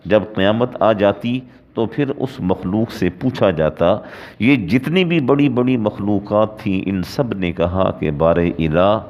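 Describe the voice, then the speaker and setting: A man with a Pakistani Urdu accent preaching a religious story, with measured delivery and slow scripture recitation. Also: fairly low pitch, darkish tone. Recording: dull lo-fi recording.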